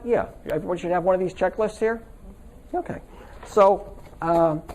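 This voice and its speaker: A man leads a live stress-relief seminar with a lively voice that rises and falls widely. He pitches a little higher than most men and keeps it chatty, full of stories and quick check-ins with the room. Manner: chatty, anecdotal, asks the audience for agreement. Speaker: stress workshop teacher. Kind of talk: casual live seminar talk.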